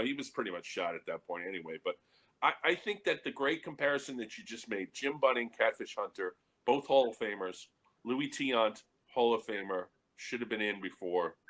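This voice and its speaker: A man's voice: fairly low pitch, a bit bright. A man on a panel, telling anecdotes in a casual discussion and chuckling as he goes. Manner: storytelling with chuckles. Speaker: panel guest.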